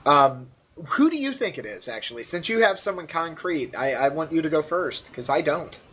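An American man co-hosting a casual podcast, talking excitedly with stammered restarts and frequent laughter. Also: a little high, normal speed, slightly rough. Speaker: podcast co-host. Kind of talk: casual wrestling recap chat.

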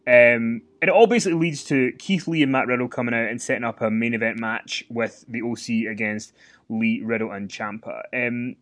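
A man's medium-pitched, fairly bright voice moves fairly quickly as he co-hosts a casual wrestling recap from a hotel room. He rambles, using many fillers and restarting often.

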